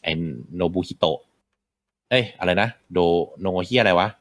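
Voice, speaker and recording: This game podcast host has a low, slightly bright voice and talks at normal speed in an echo-free recording. His casual chat about video games wanders, with frequent fillers and restarts.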